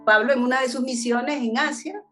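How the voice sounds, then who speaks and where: A woman preaching in an earnest, heartfelt manner, sharing a personal testimony with her congregation. Her voice sits a little high, and she often breaks off and restarts her sentences. Faint music plays quietly underneath. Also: moderate pace.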